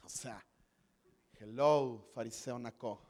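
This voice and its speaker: A man's voice: mid-range voice, slow pace, a little mellow, pitched below the performer's own voice, close to an everyday voice. Man doing a snooty posh mocking drawl. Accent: Mexican Spanish. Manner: valley-girl style drawl, "o sea" fillers. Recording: long hall reverb.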